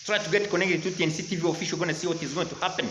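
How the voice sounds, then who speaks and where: A man's voice: on the high side, steady tone, very fast, a bit bright, reverberant, a little hiss or hum, low-quality recording. A man from Rwanda with a Rwandan accent, teaching English and urging viewers on, calling them dear friends again and again. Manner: repetitive, exhorting, keeps saying dear friends. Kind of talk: motivational language lesson.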